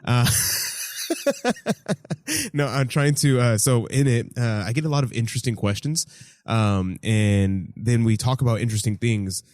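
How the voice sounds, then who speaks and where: A man's voice: medium pitch, fairly even intonation, normal speed, a little mellow, no room sound, clean studio sound. A man hosting a podcast in casual chat, talking hesitantly with many fillers. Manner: hesitant, many ums and uhs, laughs often. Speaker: podcast host and catechism teacher.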